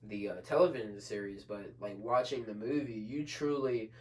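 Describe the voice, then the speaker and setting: A young man co-hosting a podcast, chatting about TV shows in a casual, excitable way, often repeating himself. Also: normal speed, recorded from a distance. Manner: excitable, repeats himself, swings loud and high. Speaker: podcast co-host. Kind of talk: casual chat.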